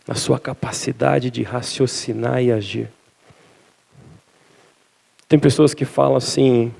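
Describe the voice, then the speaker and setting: A man's voice: mid-range voice, gravelly. A man preaching a sermon in church, telling jokes and stories to the congregation. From Minas Gerais, Brazil. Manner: lively storytelling with jokes to the congregation. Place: church service.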